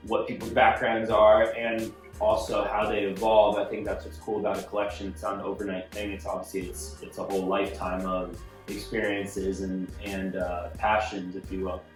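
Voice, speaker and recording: A man in his thirties from Italy, an art collector and gallery owner, talking in a casual, halting way and often saying "you know". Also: on the low side, level tone. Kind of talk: casual interview monologue. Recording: roomy sound from a distant mic with faint music.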